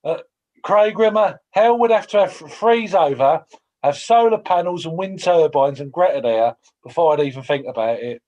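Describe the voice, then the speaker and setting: A man chairs a council committee meeting with wry, joking asides. His voice sits somewhat high for a man. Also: animated, normal speed, darkish tone.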